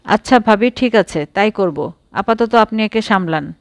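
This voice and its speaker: A woman's voice: medium pitch, animated, unhurried, dry recording. A woman voicing a grave, earnest young uncle in a storybook reading. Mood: pleading.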